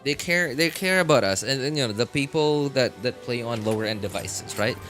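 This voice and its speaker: Music plays under this male game streamer's casual livestream chat. His mid-range voice is expressive and a bit bright at normal speed, and he rambles, uses slang, and repeats himself.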